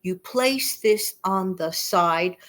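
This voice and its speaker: A woman with a fairly low, fairly bright and slightly nasal voice speaks slowly while hosting her casual, chatty channel vlog. For effect, she repeats phrases and speaks emphatically.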